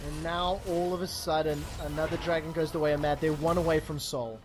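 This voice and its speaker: A man calling a live esports match play-by-play, brisk and rising sharply when the fights break out. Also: a little high, fairly even intonation, noisy background.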